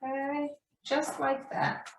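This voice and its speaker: A woman's high-pitched voice comes across completely flat and slow-paced, with slight background noise, as this preschool teacher gives young children a craft demonstration in a sing-song, checking-in manner. She addresses them as friends and asks frequent check-in questions, recorded far from the mic in an echoey room.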